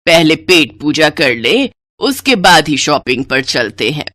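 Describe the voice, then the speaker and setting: A woman voicing a harsh, scolding older mother-in-law in a cartoon story, with a low, scornful delivery. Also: very animated, unhurried, fairly bright tone, no room sound, studio quality, heavily acted. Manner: scornful, bossy.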